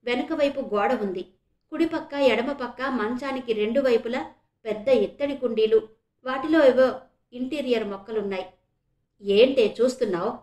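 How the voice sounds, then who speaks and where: Woman storyteller, audiobook, high pitch, echoey room; reads steadily and expressively. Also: normal speed, darkish tone. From Visakhapatnam, India. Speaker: audiobook narrator. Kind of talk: novel reading.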